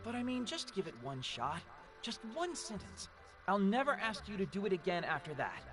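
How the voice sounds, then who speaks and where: A man's voice: high-pitched, moderate pace. A man voicing a cheeky, easily exasperated teenage boy in an anime game, talking casually. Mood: coaxing, teasing. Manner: casual, animated. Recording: music behind the voice.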